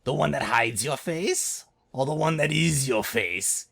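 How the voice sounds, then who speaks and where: A man doing a voice-acting demo, voicing the Green Goblin as a sinister male villain with taunting, slow and deliberate delivery. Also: medium pitch, animated, vocal fry, a bit bright, heavily acted.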